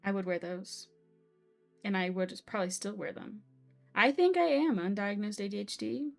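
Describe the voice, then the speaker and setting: A woman's voice: mid-range voice, moderate pace, vocal fry, faint music behind. Bubbly young woman streamer chatting. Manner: bubbly, chatty, exclaims often. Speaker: live streamer. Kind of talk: casual live-stream chat while playing.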